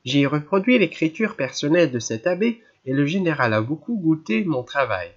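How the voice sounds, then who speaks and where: A man reads a polite young prince explaining at length in a courteous, serious voice that rises and falls freely. He is a gentle storybook nobleman. The sound is muffled and lo-fi. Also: a little high, sing-song, normal speed. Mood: earnest. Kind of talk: audiobook character reading.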